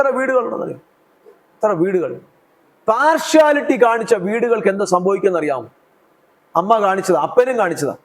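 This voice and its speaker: A Malayali man preaching a sermon in a fairly high voice. He hammers points home by repeating his phrases and keeps asking the congregation questions. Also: poor audio. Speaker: pastor.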